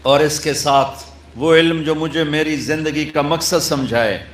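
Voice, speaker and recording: ایک مرد واعظ جو ڈرامائی انداز میں قصہ سناتا ہے اور بیچ میں آہستہ عربی تلاوت کرتا ہے، لاؤڈ اسپیکر والے ہال میں۔. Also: male voice, a little high, fairly even intonation, a little hiss or hum. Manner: dramatic storytelling, breaks into slow Arabic recitation. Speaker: preacher. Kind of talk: sermon. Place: hall with loudspeaker. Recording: echoey hall through loudspeaker.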